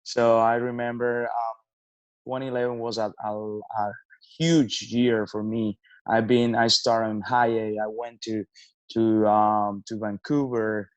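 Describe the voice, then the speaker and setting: A man, a baseball manager answering interview questions in halting speech, with many restarts and fillers. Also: fairly low pitch, little pitch movement, dry recording. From Venezuela. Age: 30s.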